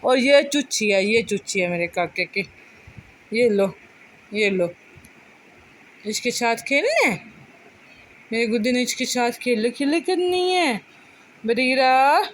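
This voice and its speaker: A young woman speaks to her baby in sing-song baby talk. Her voice sits high and coos over and over in little repeated sounds. It is a tender home-vlog voice. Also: lively intonation, slow, long pauses, a little hiss or hum. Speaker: mother talking to her baby.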